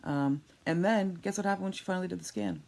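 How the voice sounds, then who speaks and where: This woman talks fast in a lowish, creaky, darkish voice. A vlogger weak and sore after surgery, she offers rambling, honest, wry remarks in a casual diary recorded at home on a handheld tablet held overhead while she lies down.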